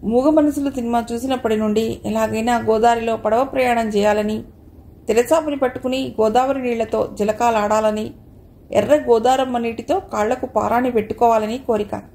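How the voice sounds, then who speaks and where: A soft-spoken young bride-to-be from a storybook, gentle and careful, read by a woman in her own mellow higher voice, polite and earnest, calm steady delivery. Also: normal speed, lightly acted. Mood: dreamy.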